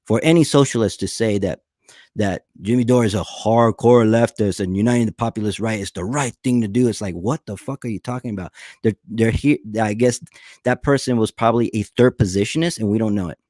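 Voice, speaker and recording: A man's voice: fairly low pitch, brisk, a little mellow, dry recording, studio quality. A man, live streaming a blunt, profane, unscripted rant full of restarts. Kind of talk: casual unscripted livestream rant.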